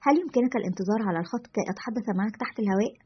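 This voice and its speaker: Woman reading commanding male host, husky read, dull lo-fi sound. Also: mid-range voice, rapid-fire, close to an everyday voice. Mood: probing. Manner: firm, instructing. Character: calm, commanding man radio host. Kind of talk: storytelling narration. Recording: lo-fi dull audio.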